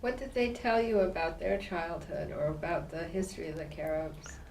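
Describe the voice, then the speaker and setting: A woman filmmaker interviewing someone, quietly and patiently asking follow-up questions and asking him to clarify. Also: on the low side, expressive, normal speed, slight background noise, poor audio.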